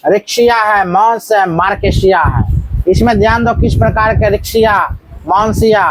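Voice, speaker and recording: A man's voice: high voice, normal speed, noisy background. A man teaching a biology lesson to a small class, quizzing the students with repeated questions as he goes.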